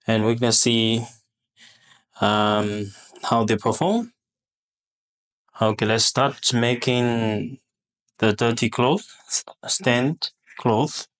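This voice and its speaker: An unhurried man at a lab bench walks through a detergent test as he works. His speech is halting, full of fillers and false starts, and his pitch sits in an ordinary middle range. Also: a bit bright. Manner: halting, many fillers and restarts. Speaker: product demonstrator. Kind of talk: unscripted lab demonstration.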